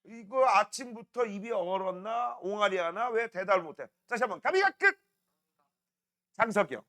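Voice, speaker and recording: A man's voice: high voice, brisk, sharp tone. A middle-aged male science teacher, lecturing a class, teasing and scolding students while drilling mnemonics.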